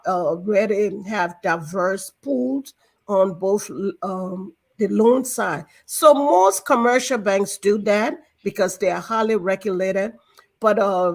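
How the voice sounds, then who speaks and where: A woman in her sixties from Liberia, a banking director guest in an interview, talking in a measured, explanatory way with frequent fillers. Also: medium pitch. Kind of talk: interview talk.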